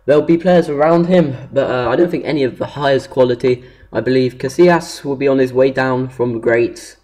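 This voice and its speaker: A man's voice: mid-range voice, brisk, darkish tone. A man giving casual, unscripted commentary as a gaming video host, hesitant and rambling as he talks.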